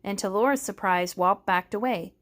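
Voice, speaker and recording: A woman reading a novel aloud in steady, measured narration. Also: mid-range voice. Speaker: reader.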